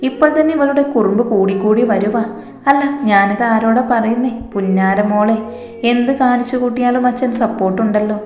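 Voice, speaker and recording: Woman reading as an exasperated young mother, scolding, complaining, sharp-tongued, mid pitch, echoey room, faint music. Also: a little fast, natural voice.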